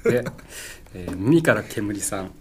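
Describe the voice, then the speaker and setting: A man's voice: on the low side, expressive, slow, a little mellow. A man co-hosting a casual talk show, reading a listener's letter and chatting in an easygoing, agreeable way. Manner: easygoing, agreeable, laughs often. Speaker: radio co-host.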